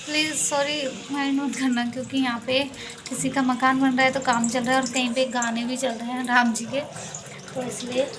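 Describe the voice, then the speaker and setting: A woman's voice: high voice, level tone, moderate pace, background noise. A woman chatting loosely to camera in a casual vlog at home, with building work going on nearby. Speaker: vlogger. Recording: building work and distant music.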